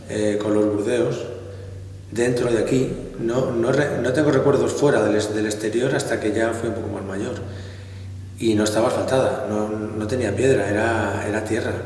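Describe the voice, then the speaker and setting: Middle-aged spanish colonel recalling stuff, halting and restarting, far off the mic in a big echoey hall. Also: male voice, lowish voice, a little mellow, slight background noise. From Spain. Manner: hesitant, restarts often, reminiscing. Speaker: interview guest, army colonel. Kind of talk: conversational interview answers.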